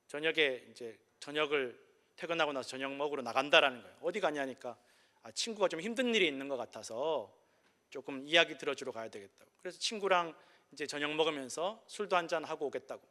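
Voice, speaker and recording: A man delivers a sermon from the pulpit of a church, his bright, slightly high voice carrying a long echo through the sanctuary. He tells his story with acted-out quotes, rising to loud exclamations and dropping to quiet reflection. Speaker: pastor. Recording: church hall with long reverb.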